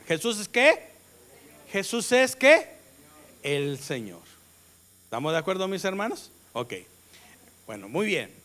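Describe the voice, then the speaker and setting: Slow, emphatic male preacher. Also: fairly high pitch. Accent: Mexican Spanish. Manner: call-and-response questions to the congregation; slow, emphatic delivery with sudden loud rises. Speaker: pastor. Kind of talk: sermon.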